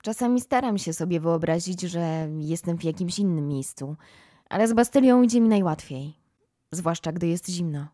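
A woman's voice: lowish voice, animated, moderate pace, mellow, no echo, clean studio sound, lightly acted. A woman reading an audiobook, voicing an imaginative, kind young girl with a dreamy, playful tone. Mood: earnest.

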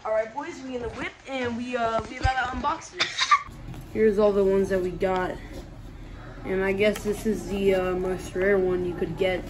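A woman's voice: mid-range voice, steady tone, normal speed. Playful woman vlogging, noisy outdoor audio. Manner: playful, jokey, mock-epic asides. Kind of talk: casual travel vlog narration. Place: outdoors and in a car, on a trip.

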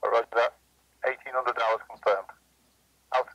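A man's voice: mid-range voice, little pitch movement, unhurried, creaky, heavily acted. An actor playing a terse male radio operator, speaking in clipped radio procedure over a transmission. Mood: curt. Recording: dull lo-fi radio with loud noise.

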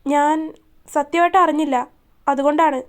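A proud but heartbroken young woman speaks in a soft, faltering way, as a woman storyteller reads her. The voice is high. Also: steady tone, moderate pace, lightly acted. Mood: tearful.

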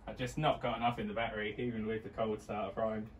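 A man's voice: on the low side, quick pace, very noisy. Man tinkering by an old tractor. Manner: hopeful, talking to himself, excited bursts. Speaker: vlogger restoring an old tractor. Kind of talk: casual commentary while working. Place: outdoors beside an overgrown tractor.

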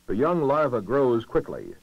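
A male documentary narrator from a 1960s educational film speaks formally and measuredly, enunciating clearly with expressive rises and falls. His mid-pitched voice comes through a dull, muffled old film soundtrack that has very little room sound and no echo.

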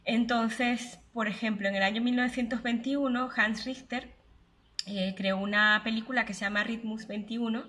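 A woman's voice: on the high side, fairly even intonation, normal speed, fairly bright tone. A woman, giving an online lecture from home on a webcam, explaining at length with many fillers and self-corrections. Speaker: filmmaker and researcher giving a lecture. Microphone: webcam at close range.

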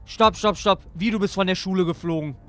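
A man's voice: high-pitched, fairly quick, fairly bright tone, faint music behind. Figure: a man playing a stressed, strict dad. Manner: scolding. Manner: exasperated and scolding. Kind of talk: Roblox role-play.

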